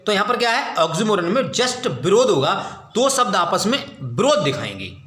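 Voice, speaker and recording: A man's voice: sits high, sing-song, fairly bright tone. A man teaching an English class, explaining in Hindi, asking and answering his own questions and calling his students "beta". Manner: explains in Hindi, reads English definitions slowly. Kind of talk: classroom lecture. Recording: echoey room.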